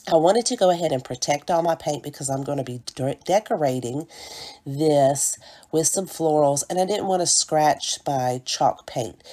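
A woman narrating a home decor craft tutorial step by step, sounding stuffy from a cold, with friendly asides to her viewers. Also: low-pitched. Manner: gentle step-by-step explaining, chatty asides to viewers. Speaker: DIY home decor creator.

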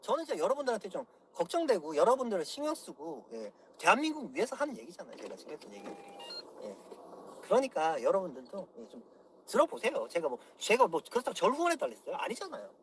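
A man's voice: high voice, huge pitch swings, fast, fairly bright tone, slight background noise. A man in his thirties on a livestream, swearing angrily and lecturing his viewers, keeps asking "예?". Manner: profane, angry, keeps asking "예?". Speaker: political YouTuber. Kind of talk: livestream rant.

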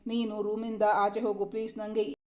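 ಮಹಿಳೆ ಆಡಿಸುವ ಹಠಮಾರಿ ಯುವ ಹೆಂಡತಿ. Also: female voice, medium pitch, little pitch movement, moderate pace, darkish tone, lightly acted. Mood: pleading. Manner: pleading, insistent. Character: stubborn young wife pleading with her husband.

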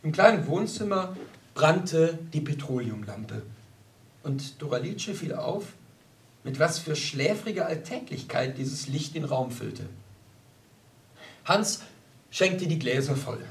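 Expressive male literary audiobook narrator. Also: fairly high pitch, slow, pauses often, echoey room, recorded from a distance.

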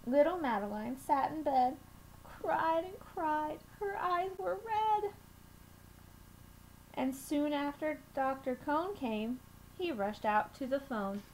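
Young female storytime reader, high voice, deliberate expressive delivery, slightly noisy webcam recording. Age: young adult. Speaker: children's storytime reader at a school. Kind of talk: reading a picture book aloud to children. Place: small room at home, indoors.

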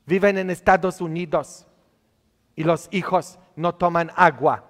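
A man's voice: sits high, fairly even intonation, a little slow, long reverb tail. A male priest giving a sermon, teasing and scolding the congregation with many questions. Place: church.

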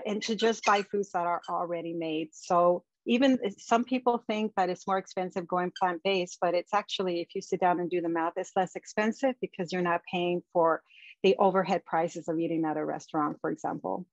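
A woman shares practical tips while presenting slides over a video call, speaking conversationally with frequent ums. Her voice is lowish and steady at a moderate pace, and her webcam picks it up as dull, dry audio with no echo.

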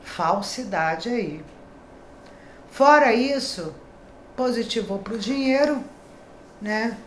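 Her voice sits on the high side and sounds animated, though the pace is slow. This middle-aged tarot reader from Brazil does a daily horoscope reading in a small decorated room, chatty and reassuring with tag questions, amid echo and a slight hiss or hum.

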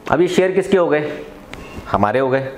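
Guy in his 40s teaching accounts, tells it like a story, voice a bit high. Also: expressive, normal speed, a little hiss or hum, rough recording. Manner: storytelling, mixing Hindi and English. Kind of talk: classroom lesson.

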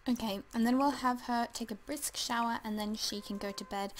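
A woman's voice: a little high, fairly even intonation, moderate pace, rough recording. A woman casually commenting as she plays a life simulation game, chatty and hesitant, full of ums, and talking to the game characters. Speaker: let's play gamer.

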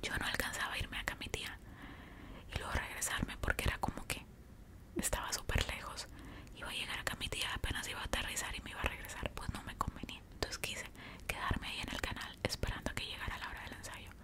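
A young woman with a Mexican accent whispers a casual ASMR storytime while chewing gum, close to a desktop microphone. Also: fast talker. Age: young adult. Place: small indoor room. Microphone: large desktop microphone up close.

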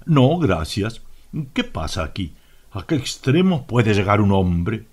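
Brief: curt, disapproving official in an audiobook, husky voice, Latin American Spanish accent, voiced by a man. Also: on the low side, big pitch swings, slow pace, full character voice. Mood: stern. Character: stern, suspicious male inspector, Garrett.

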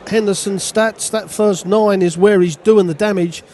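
Male darts pundit, high voice, chatty expert analysis. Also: fairly even intonation, moderate pace, dark tone, a little hiss or hum. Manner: chatty, opinionated co-commentator. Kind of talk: live sports commentary.

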